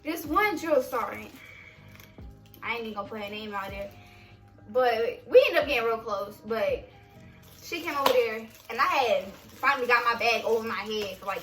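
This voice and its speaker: A young woman vlogger telling a story in a casual, animated way, full of "like" fillers. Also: a little high, moderate pace. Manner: animated, many "like" fillers, acts out quoted voices. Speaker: vlogger, army veteran recounting basic training. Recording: roomy, distant mic, faint music.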